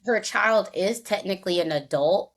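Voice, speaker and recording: A woman's voice: medium pitch, normal speed. A woman co-hosting a podcast, recapping a reality show in casual chat and acting out what people said. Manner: recounts scenes, acts out quotes. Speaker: podcast co-host.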